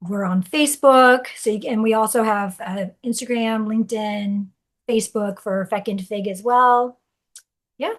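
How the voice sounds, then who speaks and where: A woman's voice: on the high side, unhurried. A woman guest in a casual interview, talking earnestly and encouragingly, with frequent fillers. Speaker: interview guest, law association chapter director.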